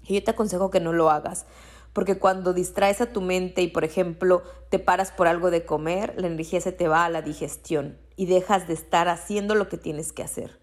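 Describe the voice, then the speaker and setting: A woman's voice: lowish voice, fairly even intonation, fairly quick. A woman with a Mexican accent, a coach for women entrepreneurs, giving motivational podcast talk in an encouraging way and repeating her key phrases.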